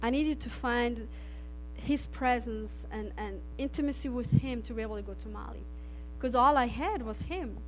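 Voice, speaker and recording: Recorded at low quality with a little hiss or hum, a woman speaks at normal speed in a voice on the high side. She is a middle-aged native German speaker from Austria giving an earnest missionary testimony to an audience, full of laughs and restarted phrases.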